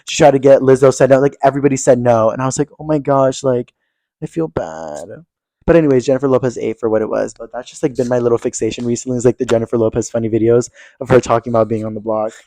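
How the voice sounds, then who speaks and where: A man's voice: mid-range voice, flat delivery, racing, warm tone, no echo. A young man co-hosting a podcast, chatting in a gossipy way and filling his talk with "like". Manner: gossipy, says "like" constantly. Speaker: podcast co-host. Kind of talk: casual chat.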